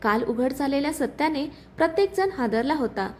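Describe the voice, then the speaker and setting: High, lively woman reading a drama story. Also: normal speed, a little hiss or hum. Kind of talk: scripted story narration.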